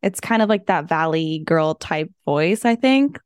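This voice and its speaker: A young woman with a low, creaky vocal-fry voice, chatting as a podcast co-host. She rambles along casually on a dry close mic. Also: animated, measured pace, dry recording. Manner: rambling, many "like" fillers. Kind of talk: casual chat.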